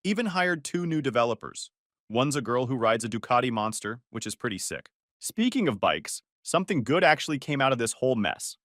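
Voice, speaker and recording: A man narrates first-person stories in a steady scripted read. His pitch rises and falls lively through each line. The recording is dry and close, with no room around it. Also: brisk, no room sound.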